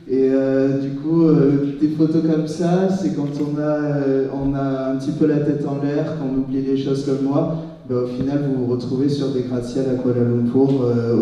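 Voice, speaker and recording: A man's voice: medium pitch, dark tone. A man giving an encouraging talk with frequent hesitations. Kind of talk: motivational talk. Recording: echoey hall, heard from far off.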